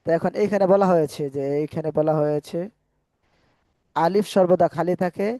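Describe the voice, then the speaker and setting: Teaching Quran online, this man patiently explains letter sounds and vowel marks one step at a time, at times breaking into slow, drawn-out chanting of phrases. His voice is on the high side and mellow, with fairly even intonation, in a dry recording.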